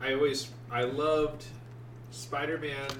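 A man's voice: a little high, flat delivery, slow. A man with a stuffy, congested nose telling personal stories in a casual, joking, rambling group chat. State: congested from allergies. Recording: roomy echo, distant mic, faint noise.

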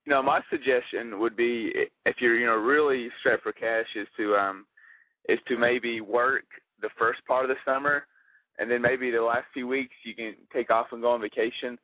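A man's voice: medium pitch, steady tone, normal speed, dry recording. Young man, show regular, rambling, filler-heavy, dry, phone-thin sound. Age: young adult. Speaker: regular segment contributor. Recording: dry lo-fi radio broadcast.

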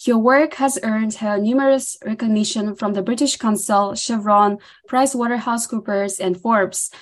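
A woman's voice: a little high, steady tone, moderate pace. A woman hosting a podcast, reading a scripted intro and asking interview questions in an upbeat, effusive way. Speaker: podcast host.

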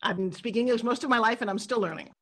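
A middle-aged woman from New York, a guest in an interview, telling stories in a quick and expressive way. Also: a little high. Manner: animated storyteller, quick and expressive. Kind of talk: interview conversation.

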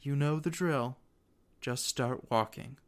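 A man voicing a calm, powerful female spirit of the underworld with an unearthly, soft, measured voice in a dramatic story. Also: mid-range voice, close to an everyday voice. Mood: serene authority.

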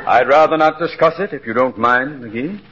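An actor playing a pompous, easily flustered, lovelorn mayor with formal speech in a 1940s radio comedy. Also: male voice, mid-range voice, moderate pace, fairly bright tone, a faint crowd, natural voice. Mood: wounded indignation. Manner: formal, dignified, indignant. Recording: muffled, hissy 1940s radio recording.

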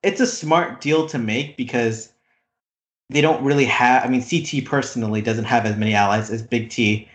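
A man's voice: mid-range voice, normal speed. Casual male podcast co-host, rambling recap, echoey room. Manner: rambling, many "like" fillers, animated retelling. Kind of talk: casual chat recapping a reality show. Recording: roomy echo.

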